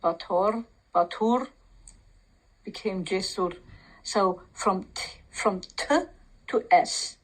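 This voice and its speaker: A woman with a Turkish accent, a Turkish native speaker, reading aloud from a text and commenting on it with pauses, fillers and restarts. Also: mid-range voice, poor audio. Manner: reads aloud slowly, pausing, many fillers and restarts. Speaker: language commentator.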